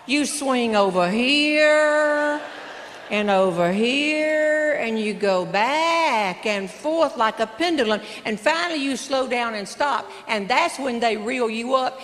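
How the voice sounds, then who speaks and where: A woman's voice: a little high, fairly bright tone, a little hiss or hum. An older woman voicing an earnest, chirpy young woman working a visitor desk, overly helpful in manner. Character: eager young woman tourist-desk clerk. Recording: echoey hall, faint ambience.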